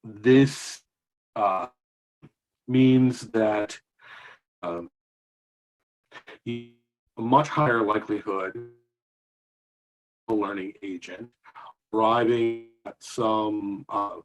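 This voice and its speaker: A man speaking as a guest over a video call whose audio cuts in and out, so his volume keeps rising and dipping, and he talks haltingly with many restarts. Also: on the low side, fairly even intonation, rough recording. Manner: halting, full of restarts and fillers. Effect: choppy call audio with uneven, dipping volume. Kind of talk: remote panel discussion.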